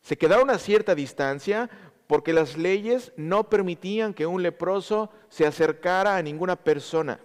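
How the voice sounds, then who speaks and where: High-voiced preacher in a reverberant hall. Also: male voice, moderate pace. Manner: teaching with repeated emphasis, addressing the congregation. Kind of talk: sermon.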